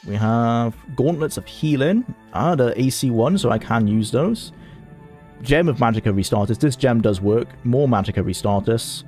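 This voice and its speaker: A man's voice: mid-range voice, lively intonation, moderate pace, a little mellow, soft background music. A man streaming a video game, chatting casually and thinking aloud in an amused way. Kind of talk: casual gameplay commentary.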